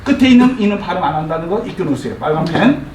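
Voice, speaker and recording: A man with a high voice teaching English to a live class, coaching the group through repeat-after-me drills and chuckling as he goes. He sounds set back from the microphone, and his voice rings through an echoey room over a faint hum of ambient noise. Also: racing, distant mic. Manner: lively, coaxing, chuckles while explaining. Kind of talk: live classroom lecture with call-and-response drills.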